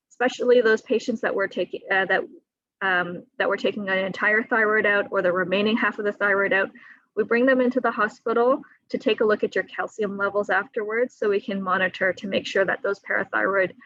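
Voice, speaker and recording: A woman surgeon on a video call, explaining surgery risks to patients in a clear, teaching manner with a few fillers. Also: mid-range voice, a bit bright, no room sound, lo-fi sound. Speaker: thyroid surgeon. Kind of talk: patient education talk. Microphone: computer mic on a video call.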